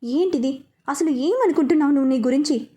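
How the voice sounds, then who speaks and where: A woman playing a stubborn young woman in a storybook, curt and sharp-tongued. The voice is high and mellow, clipped with impatience. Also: a little fast, natural voice. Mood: indignant.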